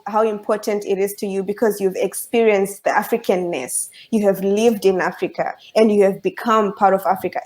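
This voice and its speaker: A woman's voice: mid-range voice, a little mellow, low-quality recording. Woman panelist, mid-range voice, earnest and opinionated. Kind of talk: casual panel discussion.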